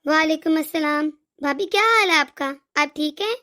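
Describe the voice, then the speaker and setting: A woman voicing a caring young sister-in-law in an animated moral story, calm and reassuring. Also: sits high, moderate pace.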